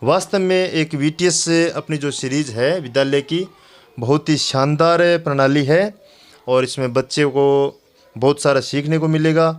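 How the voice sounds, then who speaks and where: A man's voice: a little high, moderate pace. A male teacher explaining how his school runs its tests, earnest and formal.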